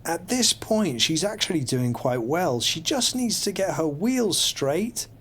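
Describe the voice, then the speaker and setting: A man's voice: fairly high pitch, sing-song, a little slow, fairly bright tone, slightly rough. A man narrating a mock driving test as an instructor, in an explanatory, evaluative voice-over. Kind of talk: scripted voice-over commentary. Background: music under the voice.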